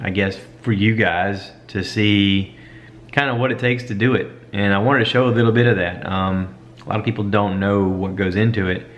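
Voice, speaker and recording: A man's voice: on the low side, a bit bright. A man vlogging in a casual, rambling, self-deprecating way, like an informal podcaster talking to viewers. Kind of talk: casual chat, stream of consciousness. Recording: dull lo-fi camera audio, light background noise.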